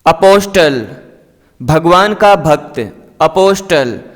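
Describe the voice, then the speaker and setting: A man's voice: on the high side, lively intonation, takes it slowly, long reverb tail. A man teaching English vocabulary, saying each word and its meaning twice in a patient, explanatory drill. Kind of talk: slow vocabulary drill lesson.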